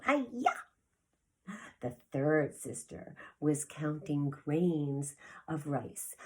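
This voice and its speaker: Reading aloud to a group of young children, a woman preschool teacher uses a breathy, medium-pitched voice that frequently drops to near a whisper. Her delivery is deliberate and expressive, with gasps, sound effects, and remarks aimed straight at the children.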